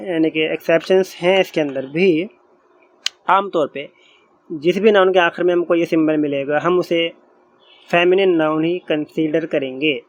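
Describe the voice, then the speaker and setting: A man with a slightly raised pitch teaches a grammar class. He repeats each point patiently, taking his time as he writes on a board. The recording sounds dull and lo-fi. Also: dry recording. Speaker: Arabic teacher.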